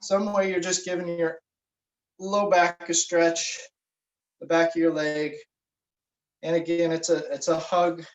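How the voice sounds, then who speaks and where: A man leading a guided meditation and warm-up stretches, giving slow, relaxed instructions with frequent fillers. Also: a little high. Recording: roomy, distant, dull recording.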